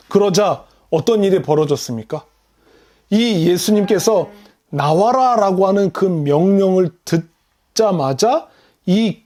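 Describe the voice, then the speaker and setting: A man with a notably high voice delivers a sermon as a pastor. He works through the passage line by line and pauses to put questions to the congregation. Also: a little mellow. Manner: explains verse by verse, posing rhetorical questions to the congregation; leads the congregation in reading scripture aloud.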